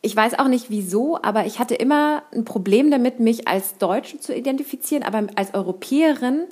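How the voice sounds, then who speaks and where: A woman's voice: a little high, brisk, darkish tone, breathy edge. A woman from Berlin speaking as a podcast guest, enthusiastic and casual. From Berlin, Germany. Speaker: guest, lead candidate. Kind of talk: conversational podcast talk.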